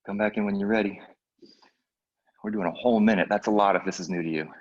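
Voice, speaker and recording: A man's voice: fairly low pitch, fairly even intonation, quick pace, muffled recording. A man coaching a workout like an aerobics instructor, casually giving short encouraging cues and countdowns while exerting himself. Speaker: fitness instructor.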